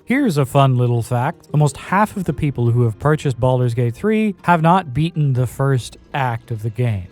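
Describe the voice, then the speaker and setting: A man reads a scripted video essay in a wry, analytical voice at a mid pitch. A faint music bed sits under his narration. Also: expressive, moderate pace, few pauses, a little mellow.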